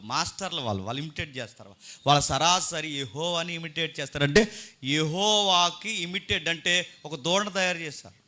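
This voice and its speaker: A man's voice: high voice, bright, forceful tone. A male pastor preaching a sermon, asking rhetorical questions and reading scripture aloud.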